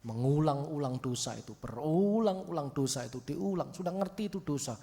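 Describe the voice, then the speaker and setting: Javanese-accented pastor preaching jokily, echoey hall. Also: male voice, fairly high pitch, animated, fairly quick, gravelly, dark tone. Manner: joking, mixes Javanese phrases, playful asides. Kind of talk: sermon with humor. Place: church.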